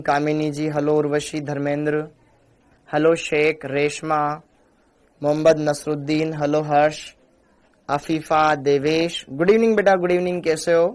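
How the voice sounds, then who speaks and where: A man teaching chemistry in a live online class, speaking, greeting students by name and putting questions to the class. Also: fairly high pitch. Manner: greets students by name, calls them beta; energetic, asks the class questions.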